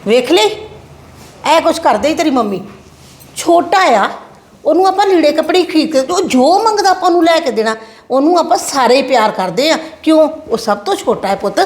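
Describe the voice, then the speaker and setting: A woman's voice: high voice, lively intonation, moderate pace, a little mellow. An actress playing a stern older grandmother who scolds her daughter-in-law in a family drama, speaking firmly and commandingly. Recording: echoey room.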